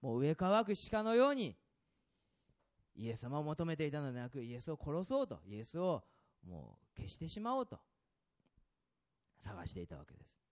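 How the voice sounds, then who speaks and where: A man preaching a sermon as a pastor, asking the congregation questions and swinging between loud and soft passages. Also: on the high side, wildly swooping pitch, normal speed, pauses often, dull audio.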